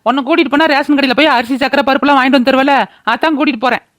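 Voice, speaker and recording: A woman voicing a sharp-tongued, quarrelsome older village mother in a cartoon, scolding loudly. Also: sits high, steady tone, rapid-fire, no echo, studio quality. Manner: scolding, loud and bossy. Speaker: voice actor. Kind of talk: cartoon voice acting.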